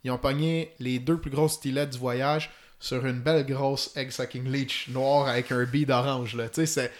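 A fly-fishing expert with a Quebec French accent guests in a casual chat, explaining gear in detail with many fillers. He talks at normal speed in a level, medium-pitched voice.

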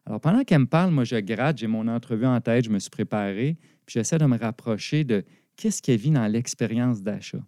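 Mellow-voiced Quebec man explaining business. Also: medium pitch, a little fast, no room sound, studio quality. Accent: Quebec French. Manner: animated, explanatory, laughs often. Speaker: guest, business teacher. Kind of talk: conversational explanation.

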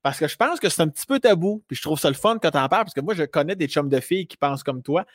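A man's voice: fairly high pitch, lively intonation, fast talker, no room sound, clean studio sound. A man with a Québécois French accent, co-hosting a casual podcast chat in a playful, joking manner.

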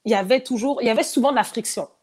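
A husky, darkish, rather high voice comes out rapid-fire from a woman in her thirties whose Quebec French accent has a slight France-French edge. She's a candid guest in an informal interview, laughing frequently and piling up fillers, restarts and repetitions.

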